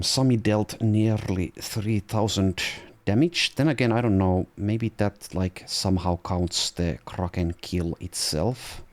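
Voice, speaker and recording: A man giving casual gameplay commentary, thinking aloud as he plays. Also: fairly low pitch. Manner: musing, thinking aloud with fillers. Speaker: let's play host.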